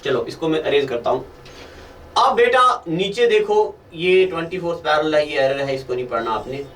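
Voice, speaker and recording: Male tutor, high voice, drilling students with repeated questions, recorded from a distance. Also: expressive, normal speed, fairly bright tone, roomy sound, slight background noise. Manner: addresses students as children, asks and repeats answers. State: fasting, low energy. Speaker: teacher. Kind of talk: online exam-prep lecture.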